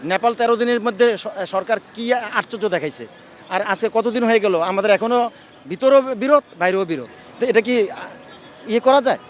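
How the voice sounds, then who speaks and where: A man's voice: sits high, quick pace, slight background noise. An older man in a street interview, speaking colloquially in a weary, disillusioned way. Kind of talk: vox pop complaint.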